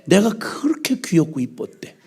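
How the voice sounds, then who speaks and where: Older male missionary preacher, gravelly and husky, big swooping delivery, comic storyteller. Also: fairly high pitch, normal speed. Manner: animated and joking, mimics his mother's scolding. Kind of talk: humorous sermon storytelling. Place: church revival meeting.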